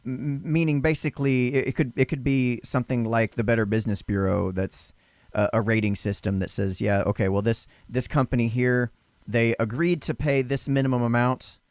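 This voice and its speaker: A man hosting a casual debate, his voice in a middle range with dry, close sound. He presses his questions in a halting way, repeating words as he goes. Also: medium pitch, steady tone, no room sound. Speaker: host.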